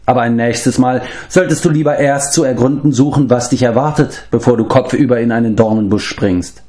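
A man reading an audiobook, voicing a noble adult male prince and war leader who speaks in a measured, commanding way. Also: medium pitch, mellow, voice pushed up, lightly acted.

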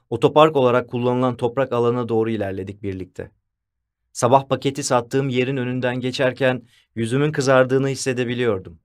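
A man reading an audiobook as the first-person narrator, in a measured storytelling manner. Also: medium pitch.

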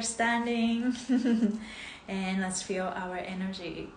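A woman's voice: a little high, bright, forceful tone. A woman in her thirties, originally from Japan and a native Japanese speaker, leading a live-streamed movement class with bubbly, sing-song greetings and frequent laughs, filmed on a phone in her living room. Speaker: movement coach. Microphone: phone camera, close then from across the room. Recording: echoey room with faint noise.

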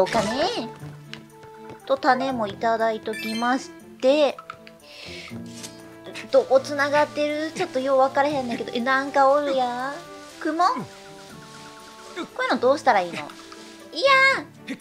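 A woman with a Kansai accent giving live gameplay commentary, excitable, calling out her own moves and repeating words as she plays. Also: high-pitched. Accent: Kansai Japanese. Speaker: let's-play streamer. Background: game music.

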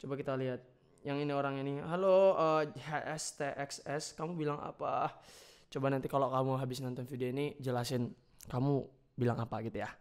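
A man's voice: medium pitch, steady tone, a little mellow, smooth. A man reacting playfully to fan voice notes in casual chat. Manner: playful, chatty, quick reactions.

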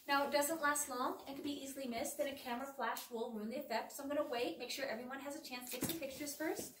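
Woman, cave tour guide, playful group talk, high voice, cave echo, faint background noise. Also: steady tone, quick pace. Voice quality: echoing cave sound. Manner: playful, chatty. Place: underground cave room. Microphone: visitor's phone at a distance. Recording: echoing cave, distant mic, faint noise.

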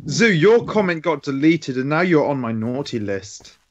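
A man's voice: fairly high pitch, very animated, moderate pace, highs cut off. A man streaming casual banter, teasing and joking.

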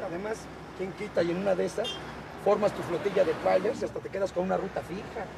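An actor playing a joking, slangy trucker friend with a Mexican accent, outdoors. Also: male voice, sits high, steady tone, fast talker, gravelly, background noise. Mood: teasing. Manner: teasing, slangy.

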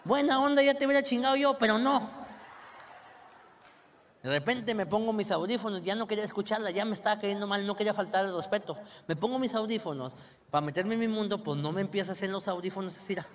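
A young adult man with a Mexican accent telling a crude, animated stand-up story. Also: sits high, quick pace. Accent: Mexican Spanish. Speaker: stand-up comedian. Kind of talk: stand-up comedy monologue.

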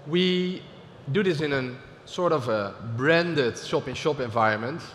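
A middle-aged man with a Dutch accent delivers a business keynote from a large stage, pausing often with fillers and restarting phrases. His voice carries long reverb through a big hall, with a faint murmur of ambience underneath. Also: a little high, a bit bright, a little hiss or hum. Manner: halting, with frequent fillers and restarts. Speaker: keynote speaker.

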